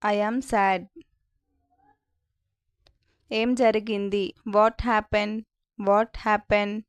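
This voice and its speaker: Woman English tutor with a Telugu accent, smooth clear voice, repeats each phrase twice in a drill. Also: medium pitch, level tone, extremely slow, no room sound. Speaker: spoken English teacher.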